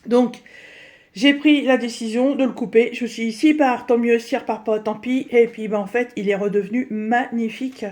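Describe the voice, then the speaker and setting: A middle-aged woman giving a casual tour of her craft room at home, talking in a chatty, halting way with many fillers, her voice slightly hoarse. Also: a little high, fairly even intonation, darkish tone. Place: dining room at home, indoors.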